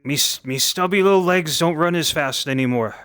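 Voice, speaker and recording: A man voicing a boisterous, stubby-legged male dwarf in in-game roleplay, his voice run through a voice changer that lowers it, talking loud and hammy. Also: brisk, clean tone, no echo.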